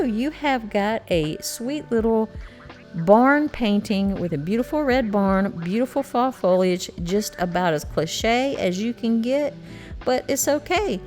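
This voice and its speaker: A woman's voice: mid-range voice, a little mellow. A middle-aged woman with a Southern accent, chatting through a watercolor painting tutorial in a folksy, encouraging way. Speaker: watercolor art teacher.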